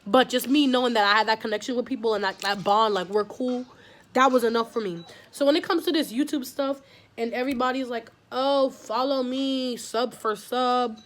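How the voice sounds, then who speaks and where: Young woman vlogger, fairly high voice, heated, rambling run-on opinion talk. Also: quick pace. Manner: heated, talks in long run-on streams with many likes. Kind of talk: casual opinion vlog.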